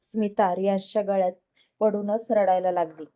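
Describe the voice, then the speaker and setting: A woman narrating a serialized love story, reading in a steady, plain manner. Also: medium pitch, normal speed.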